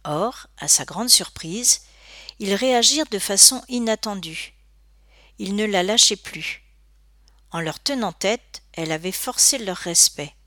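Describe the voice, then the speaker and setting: A woman narrating a story aloud in an expressive, scripted reading. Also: medium pitch, measured pace, no echo, clean studio sound. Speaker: audiobook narrator.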